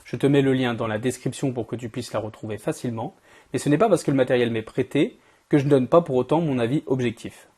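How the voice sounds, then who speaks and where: A man presents an equipment review in an informal, direct way. His mid-pitched voice is hoarse and raspy, strained by a cold and overuse, and sounds as if it is giving out. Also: fast talker, dark tone. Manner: informal, addresses the viewer directly. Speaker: host of an event-equipment channel. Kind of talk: product review to camera.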